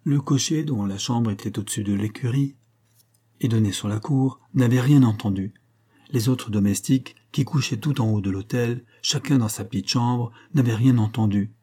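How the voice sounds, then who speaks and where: A man reading a story aloud in measured narration, raising his voice for the characters' quoted lines. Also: mid-range voice, warm tone, breathy edge. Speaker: audiobook reader. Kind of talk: scripted narration.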